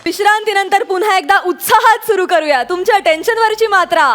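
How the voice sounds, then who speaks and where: A woman hosting a comedy show, announcing acts in a bright, rhythmic stage manner. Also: very high-pitched, fast talker, soft background music. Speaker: show anchor. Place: television studio stage with audience.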